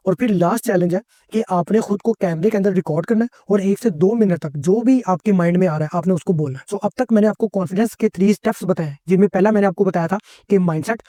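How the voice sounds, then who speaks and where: A man's voice: high voice, mellow, no echo, clean studio sound. A man gives a motivational self-help talk as a content creator, explaining step by step and mixing in English phrases. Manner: instructive, mixes English phrases into Urdu.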